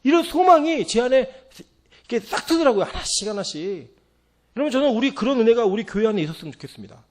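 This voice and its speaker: Lively, fast-talking man preaching a sermon. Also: extremely high pitch. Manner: animated, acts out quoted voices. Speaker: pastor.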